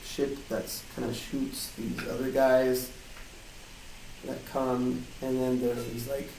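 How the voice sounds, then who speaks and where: A man at medium pitch, with little pitch movement and a darkish tone, explains his game audio design work in an interview. He's casual, hesitant, and loosely worded, pausing as he goes. Recorded from a distance in a small hard-walled co-working office, with a roomy metallic flutter echo and faint noise.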